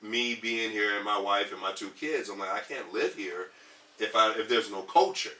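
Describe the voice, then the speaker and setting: A man's voice: on the low side, moderate pace, sharp tone, distant mic. A man in his thirties from Detroit, a podcast guest talking earnestly in casual conversation, rambling with lots of ums and restarts. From Detroit, US Midwest. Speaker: podcast guest, community organizer. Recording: echoey room, off the mic.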